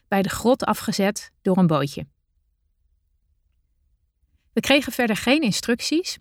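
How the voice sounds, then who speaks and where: Woman reading her own survival story aloud, calm and measured, dry studio sound, no room echo. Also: medium pitch. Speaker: narrator of her own adventure memoir. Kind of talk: first-person audiobook narration.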